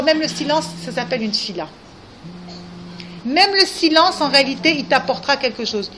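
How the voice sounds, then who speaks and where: Woman, religious teacher, coaxing, repetitive questions, high-pitched. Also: a bit bright, slight background noise. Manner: earnest, coaxing, repeats questions. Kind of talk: spiritual guidance talk to a group.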